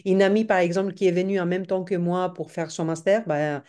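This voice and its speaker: A woman from Crete speaks French with a clear Greek accent, her voice low-pitched and mellow. She chats casually and with animation as a podcast guest, emphatic and quick to laugh. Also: steady tone. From Crete, Greece.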